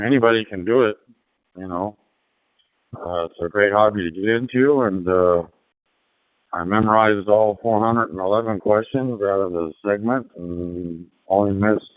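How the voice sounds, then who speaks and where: Low man over a fading radio transmission. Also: no echo. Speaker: radio operator answering a call. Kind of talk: casual radio chat. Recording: tinny dry radio transmission.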